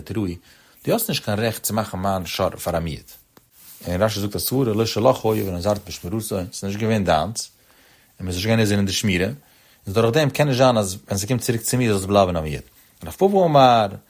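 A man teaching a traditional text study lecture in a rapid, sing-song cadence with sudden rises. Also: fairly low pitch.

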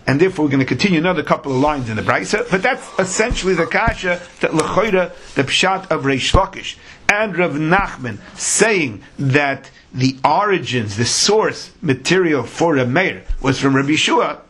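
A man's voice: on the high side, animated, moderate pace, a bit bright, slight background noise. A man teaching a religious lesson in a sing-song, argumentative way, with rhetorical questions and emphatic repetition. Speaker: Talmud teacher.

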